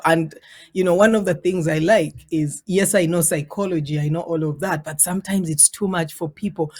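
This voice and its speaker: A woman's voice: low-pitched, darkish tone. Woman in her forties, raised in Uganda; interview guest, earnest and reflective, stretches words for emphasis. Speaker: guest, parenting coach. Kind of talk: conversational interview storytelling.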